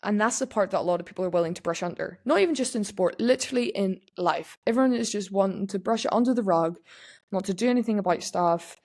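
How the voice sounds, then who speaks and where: A woman's voice: mid-range voice, fast talker, darkish tone. A young woman talking frankly and casually on a podcast, with lots of restarts and "like" fillers. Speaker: podcast host. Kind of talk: candid personal podcast talk.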